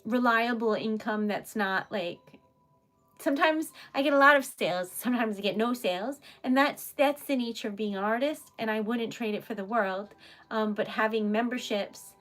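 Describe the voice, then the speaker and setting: A woman's voice: on the high side, normal speed, a bit bright. A woman with a Rhode Island accent chatting casually and animatedly as she hosts a livestream, rambling and giggly. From Rhode Island, United States. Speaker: livestream host, independent artist.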